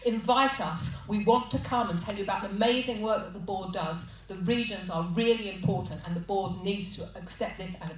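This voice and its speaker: A woman's voice: medium pitch, brisk, hardly any pauses. A woman from Cardiff answering as a candidate at a hustings, direct and emphatic. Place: large hall with an audience. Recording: echoey hall from far off.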